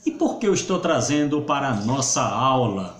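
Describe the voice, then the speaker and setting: A man's voice: medium pitch, very animated, moderate pace. A male Portuguese teacher, giving a video grammar lesson and stretching syllables to make his point. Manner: didactic, stretches syllables for emphasis. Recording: roomy echo.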